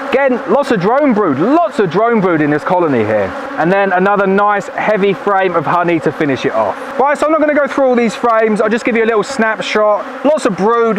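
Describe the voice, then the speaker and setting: Working a hive in an evening apiary at the forest edge, a beekeeper with a high voice keeps up a cheerful, chatty narration for his video. A distant tripod camera records him in his bee suit veil, and the background is noisy, with a faint buzz of bees.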